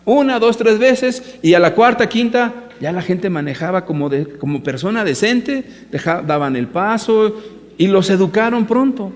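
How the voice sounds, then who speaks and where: Emphatic preacher in an echoey hall. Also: male voice, a little high, darkish tone. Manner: emphatic, rhetorical, addresses listeners directly. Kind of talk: sermon to a live audience.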